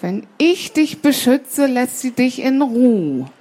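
A woman's voice: high-pitched, big pitch swings, takes it slowly, mellow, full character voice. A woman putting on a sly, sweet-talking storybook cat. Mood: coaxing. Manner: coaxing, purring with meows.

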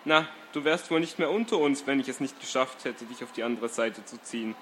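A man's voice: medium pitch, a little fast, fairly bright tone, a little hiss or hum, lightly acted. A man voicing a cheerful, teasing young male companion in a storybook reading.

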